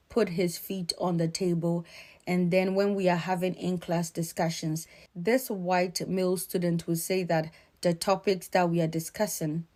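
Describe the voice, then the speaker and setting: A woman from Ghana with a Ghanaian accent, giving earnest, emphatic spoken commentary in a measured way. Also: fairly low pitch, dark tone.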